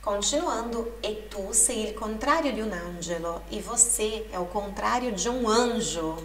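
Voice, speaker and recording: A woman teaching Italian and reading lines aloud slowly, her voice sitting in the middle range for a woman. The sound is roomy and echoey, recorded from some distance, with a faint hum of ambience behind her. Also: medium pitch, animated, a bit bright. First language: Portuguese. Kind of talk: language lesson. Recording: echoey room, mic at a distance.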